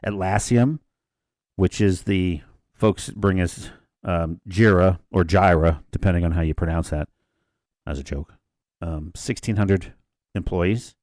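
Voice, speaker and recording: A man's voice: deep voice, measured pace, pauses often, warm tone, no echo. A man. He co-hosts a casual podcast chat, rambling through asides and restarted sentences. The recording is close and dry. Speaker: podcast co-host. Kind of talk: casual discussion.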